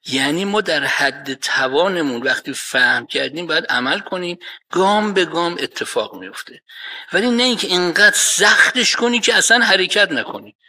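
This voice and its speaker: A man, an expert in Islamic economics, explaining his views in a lively discussion, arguing with everyday examples and quoted Arabic verses. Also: on the high side.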